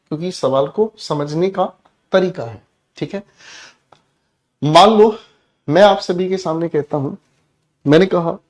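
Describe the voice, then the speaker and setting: A man teaching a classroom lesson, explaining with loud shouted example commands and calling the students "beta". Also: high voice.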